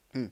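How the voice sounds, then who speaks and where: Man streaming match commentary. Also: warm tone. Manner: partisan, addresses chat as "mate" and "pal", urges his team on. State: slightly croaky from coughing. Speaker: fan streamer doing a live watchalong. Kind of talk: casual live match commentary.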